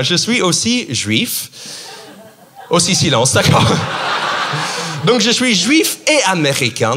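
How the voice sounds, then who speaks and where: On a theater stage, a New York man whose first language is English performs stand-up in French with an American accent, animated and mock-outraged, breaking into sudden shouts and sing-song asides. His voice sits high, and there's background noise.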